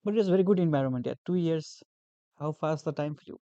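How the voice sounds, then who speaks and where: In a casual interview, a young guest from Nepal who is a graduate teaching assistant talks earnestly, full of fillers and repeated phrases. His mellow voice sits on the high side and he talks fast. There is no room sound, and the highs are cut off.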